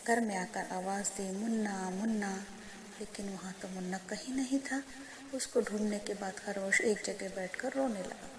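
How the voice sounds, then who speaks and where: A woman narrating a children's story slowly and gently, speaking to the children. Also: mid-range voice. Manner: slow, gentle, addressing children.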